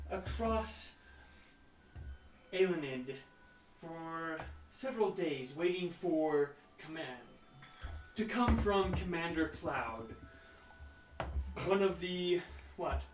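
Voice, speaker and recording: Slow-talking man running a tabletop game. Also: high-pitched, recorded from a distance, slight background noise. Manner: laughing, chatty. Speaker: game master. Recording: echoey room, off mic.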